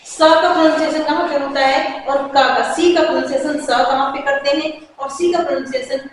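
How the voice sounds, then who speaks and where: A high-voiced woman gives a pronunciation lesson and says each example word slowly, more than once. She sounds far from the mic, in a room with strong echo and a long reverb tail. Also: steady tone, a little hiss or hum. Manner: slow, repeats example words with care. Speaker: English teacher. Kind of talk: Hindi-medium pronunciation lesson.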